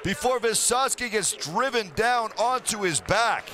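A man's voice: high-pitched, expressive, measured pace, pushed and bright. A man calling televised fight play-by-play in an emphatic, polished, dramatic way. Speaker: play-by-play commentator.

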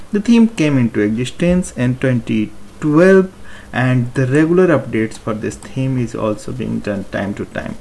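A man's voice: on the high side, a little hiss or hum. Man explaining a website theme setup. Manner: explanatory, step-by-step, repetitive phrasing. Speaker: WordPress tutorial presenter. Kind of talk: screen-recorded tutorial walkthrough.

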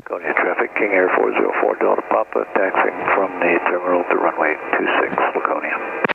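A man's voice: low voice, very animated, fairly quick, creaky, narrow, tinny audio. A man heard over an aircraft radio, giving a terse, routine traffic call in clipped radio phrasing. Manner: terse, routine position report. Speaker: pilot making a traffic call. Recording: static-laden aviation radio from afar.

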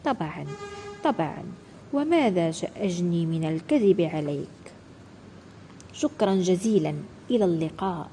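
A woman voicing a sly, clever male fox in a children's storybook, talking in a hushed, confiding way. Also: lively intonation, moderate pace, long pauses, slight background noise, close to an everyday voice, rough recording. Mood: reassuring. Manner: hushed, confiding, sometimes dropping low.

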